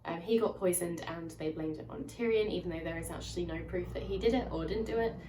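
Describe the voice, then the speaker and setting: Fairly low in pitch and warm in tone, her fast speech comes through a distant mic in an echoey room, with slight background noise and poor audio overall. The speaker is a book reviewer and channel host chatting to camera about a novel and giving away spoilers, a little nasal and stuffy from a lingering cold. She summarizes the plot with plenty of "um" and "kind of."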